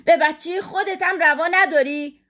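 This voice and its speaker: A woman voicing a furious, defiant young wife and mother in an audiobook story, her voice sharp and high-strung.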